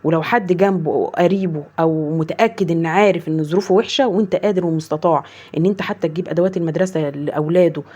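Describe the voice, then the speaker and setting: A woman's voice: fairly low pitch, racing, warm tone, dull audio. A woman in her thirties with an Egyptian accent, a mother chatting earnestly with her viewers, swearing oaths often and retelling conversations. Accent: Egyptian Arabic. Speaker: mother vlogger. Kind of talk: heartfelt casual chat to viewers.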